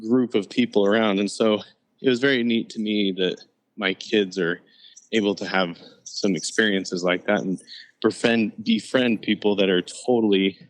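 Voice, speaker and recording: A man from Utah, co-host of a podcast, telling a relaxed story with soft fillers. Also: on the low side, normal speed, poor audio. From Utah, United States. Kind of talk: casual podcast chat.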